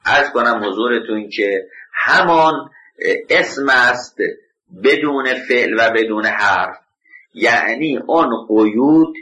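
A man giving a scholarly lecture as a teacher, deliberate and leaning on set filler phrases, often stopping to check that the class follows. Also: medium pitch, expressive, bright, forceful tone, poor audio.

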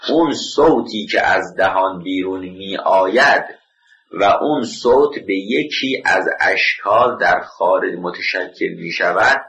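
A male teacher delivers a scholarly lecture in a low, forceful, bright voice. He talks deliberately, falls back on the same stock filler phrases, and keeps pausing to check that his listeners are following. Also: lo-fi sound. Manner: often checks understanding with the class.

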